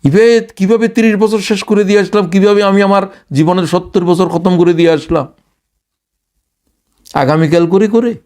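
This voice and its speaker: A man's voice: high voice, fairly even intonation, a little mellow. Dramatic preacher, man. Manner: dramatic, rising to exclamations, slows to recite quotations. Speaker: Islamic lecturer, former English teacher. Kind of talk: religious lecture.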